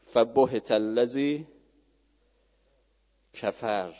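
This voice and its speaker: Fervent preacher man in echoing hall. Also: medium pitch. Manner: swings from hushed to loud, preaching fervor. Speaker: cleric preacher. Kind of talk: sermon with storytelling. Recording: dull lo-fi recording with long reverb.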